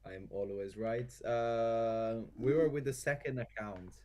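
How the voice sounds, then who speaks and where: A man's voice: mid-range voice, slow pace, mellow. A man chatting casually during a live game stream, hesitant and full of fillers. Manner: laid-back, hesitant, many fillers. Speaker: co-host.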